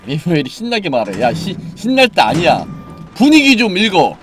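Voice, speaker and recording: A man streaming a horror game live, chatting and joking with viewers, dropping to mumbles and then yelling in excitement. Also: sits high, moderate pace, soft background music.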